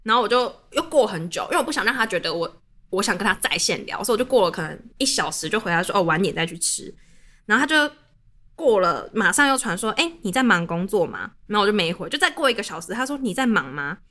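A young woman with a Taiwanese Mandarin accent tells a story quickly and vividly. Her pitch swings widely, and her voice is bright and forceful. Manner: animated, chatty storytelling. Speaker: podcast host. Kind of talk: casual storytelling chat.

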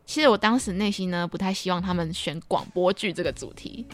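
Co-hosting a casual podcast, a young woman with a Taiwanese Mandarin accent, who is also a camp counselor, tells stories and animatedly acts out what children said. Her voice is on the low side and a little fast.

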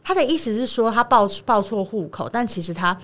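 A woman's voice: fairly high pitch, expressive, brisk, fairly bright tone. A woman with a Taiwanese Mandarin accent, co-hosting a podcast and retelling a friend's story in casual, rambling chat. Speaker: podcast co-host.

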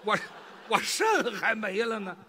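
A man playing the straight man in a crosstalk comedy routine, answering with short quick retorts and interjections. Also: high-pitched, very animated, bright, forceful tone, slightly rough.

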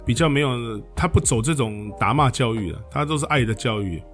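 A middle-aged man chats casually on a podcast in a mid-pitched voice. He rambles and backs his co-host with strings of quick "yes, yes". Faint music sits in the background. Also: lively intonation. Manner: rambling, lots of quick repeated "dui". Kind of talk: casual chat.

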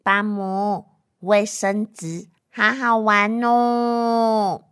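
A woman's voice: mid-range voice, fairly even intonation, extremely slow, a bit bright, clear, resonant tone. A woman doing a stubborn little bear boy. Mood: playful. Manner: stubborn, playful.

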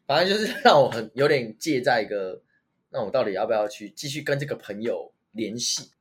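A man's voice: medium pitch, expressive, fairly quick. A man in his thirties with a Taiwanese Mandarin accent, co-hosting a podcast in wry, reflective casual chat. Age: 30s. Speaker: podcast co-host.

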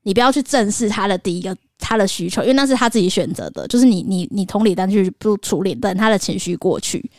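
A woman's voice: mid-range voice, quick pace, few pauses, darkish tone, no room sound, studio quality. A woman, co-hosting a casual podcast and animatedly acting out the lines of children and teachers as she explains. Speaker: podcast co-host. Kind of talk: casual chat.

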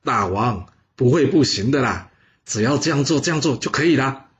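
A man voicing a clever, deferential court advisor in a storytelling recording, talking calmly and reassuringly. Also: medium pitch, normal speed, lo-fi sound, lightly acted.

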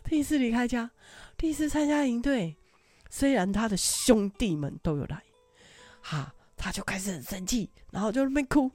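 Lively older woman. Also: a little high, moderate pace, dry recording. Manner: laughs often, animated anecdotal telling. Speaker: podcast host. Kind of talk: casual storytelling.

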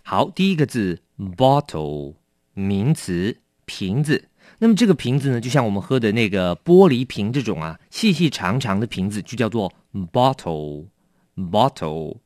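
Lively-voiced man teaching vocabulary. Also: on the low side, no echo, studio quality. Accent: Taiwanese Mandarin. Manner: explains patiently, repeating each word slowly. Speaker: English teacher. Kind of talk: vocabulary lesson.

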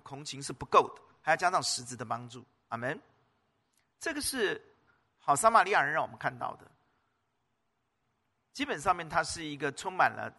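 A man's voice: fairly high pitch, sharp tone. A man preaching a sermon as pastor, emphatic, repeating words and asking the listeners rhetorical questions.

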